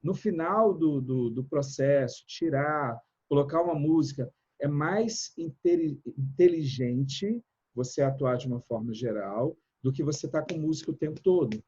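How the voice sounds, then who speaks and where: A man giving a live online chat talk about communication and speaking to audiences, energetic and shifting between fast and slow, loud and soft. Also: a little high, breathy edge, muffled recording. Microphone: video call.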